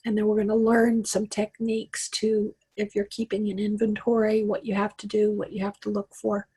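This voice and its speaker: A middle-aged woman from Wyoming talks at normal speed in a medium-pitched, completely flat delivery, mellow and breathy, in a rough recording. As a computer coach in a live online tech class, heard over a video-call computer mic, she's reassuring yet full of fillers and restarts. Her accent is Western American with a slight Southern tinge.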